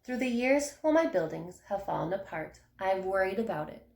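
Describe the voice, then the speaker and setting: Teacher lady reading a rhyming kids book, expressive, a bit gravelly, echoey room. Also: mid-range voice, brisk. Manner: expressive, rhythmic storytelling. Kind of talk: reading a picture book aloud.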